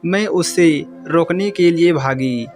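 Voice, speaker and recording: A man voicing a troubled young housewife who is lonely and tearful, speaking in a gentle, weary way over faint music. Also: a little high, slow. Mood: sad.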